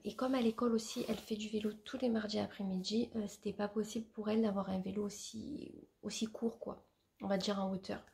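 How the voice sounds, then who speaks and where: A woman's voice: mid-range voice, gravelly, a little mellow. A young woman chatting casually as a vlogger, showing gifts with many fillers and restarts. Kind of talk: casual show-and-tell chat.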